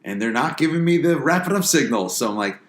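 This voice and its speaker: A man's voice: mid-range voice, lively intonation, fast talker. A man speaking as a comedian guest in a casual interview, explaining things in a wry, conversational way. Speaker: warm-up comedian, podcast guest. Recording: roomy, echoing interview recording.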